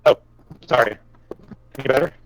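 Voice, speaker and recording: A man's voice: mid-range voice, moderate pace, rough recording. A man talking casually as a tabletop game player over a wireless headset, with his voice breaking up on a bad online connection. He talks hesitantly and restarts his phrases. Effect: choppy online connection, voice breaking up.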